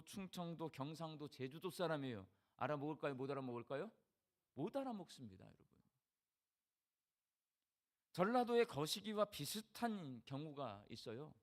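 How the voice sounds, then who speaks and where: A middle-aged man preaching a sermon with a Jeolla Korean accent. His voice sits fairly high and swings widely in pitch. He talks in a homey, folksy way and keeps putting questions to his congregation. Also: fairly bright tone. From Jeolla region of Korea. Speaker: pastor.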